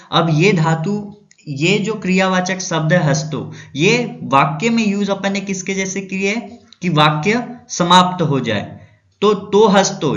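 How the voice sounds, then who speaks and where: A man explains a grammar lesson in a fairly high voice. He keeps asking the listener a question and answering it himself, repeating each key term. The recording sounds dull and lo-fi. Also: a bit bright. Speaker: teacher.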